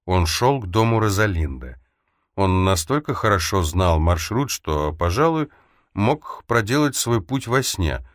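A man narrating an audiobook in a measured, even storytelling manner. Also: low voice, dry recording, clean studio sound. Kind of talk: scripted narration.

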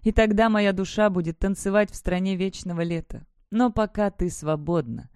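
Soft earnest young brother as a woman reads him, warm dark tone, dry close sound. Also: mid-range voice, moderate pace, smooth, dry recording, close to an everyday voice. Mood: tender. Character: young man, gentle, doomed brother. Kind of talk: audiobook character reading.

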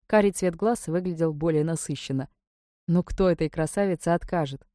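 A woman narrating an audiobook in the first person, measured and wry. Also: lowish voice, mellow, dry recording, studio quality.

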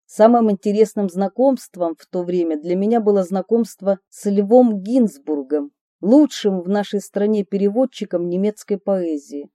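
Woman narrating her memoir, very warm dark voice, wry storytelling, super dry booth. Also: mid-range voice, moderate pace, few pauses, dry recording. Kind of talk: audiobook memoir reading.

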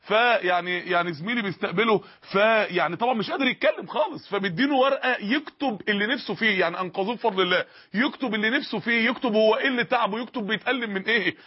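A man's voice: high voice, very fast, husky, muffled recording. An Egyptian man preaching an emotional sermon, pleading with his listeners through repeated rhetorical questions. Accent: Egyptian Arabic.

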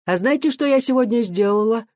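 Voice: medium pitch, measured pace, warm tone, dry recording, clean studio sound, lightly acted. A reader voicing a kind, weary older mother who speaks earnestly and confidingly in an audiobook. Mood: affectionate.

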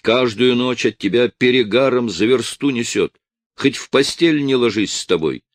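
A man reading an audiobook voices a bitter, nagging middle-aged wife who scolds in a shrill, raised voice. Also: sing-song, normal speed, gravelly, no echo, clean studio sound, exaggerated voice. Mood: furious.

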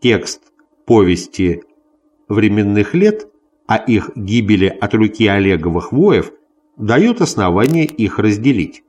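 Guy narrating a scholarly history book, kinda low voice, deliberate, really animated intonation. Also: lo-fi sound. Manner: deliberate, announces notes and quotations aloud. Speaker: audiobook reader of a history text. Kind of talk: scripted narration of a scholarly text.

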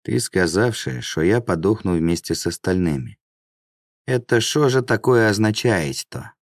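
A man's voice: on the low side, lively intonation, a little slow, dry recording, studio quality, pitched above the performer's own voice. A man voicing a menacing male demon who mocks and threatens in coarse, folksy speech. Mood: threatening.

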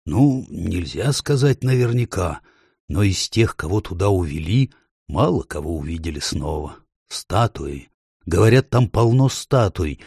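A man voicing Mr. Beaver, an earnest gruff beaver. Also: low voice, lively intonation, unhurried, a little mellow, no room sound, clean studio sound, full character voice. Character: gruff kindly male beaver, earnest and blunt. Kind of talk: audiobook character voice.

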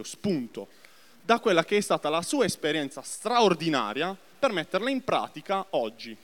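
A man preaching a sermon to a congregation, speaking directly to them and asking them to respond. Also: fairly high pitch. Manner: lively, addresses the congregation directly. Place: church hall. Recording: long reverb of a church hall.

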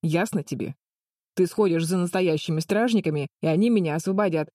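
Woman doing an old grandmother, stern, snapping, indignant, darkish mellow voice, dry sound. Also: on the low side, fairly quick, dry recording, lightly acted. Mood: icy. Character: gruff stern old grandmother, fiery and proud.

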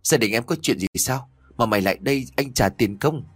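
A man voicing a blunt young farmer who talks gruffly, like an older brother scolding. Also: mid-range voice, brisk, a bit bright, no room sound, clean studio sound, natural voice. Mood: tense blunt.

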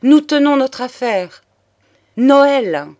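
A woman's voice: medium pitch, a little slow, lightly acted. Woman reading as an old aristocratic count, fatherly. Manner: earnest, paternal, exclamatory. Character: elderly aristocratic count, grieving, energetic father.

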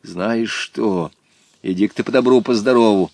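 A man voicing a stubborn, fiery street boy who talks in a sharp, mocking, challenging way. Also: fairly low pitch, normal speed, no echo, close to an everyday voice. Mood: angry.

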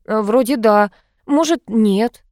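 A woman's voice: fairly high pitch, slow, darkish tone, no echo, clean studio sound, pitched above the performer's own voice. A woman voicing a flustered, blunt housekeeper who mumbles and speaks crudely, read as part of an audiobook. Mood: mumbling. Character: flustered, rude middle-aged housekeeper.

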